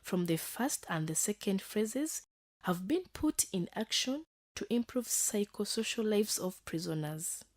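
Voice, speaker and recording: A woman giving scripted documentary narration, reading in a measured, formal way. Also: mid-range voice, lively intonation.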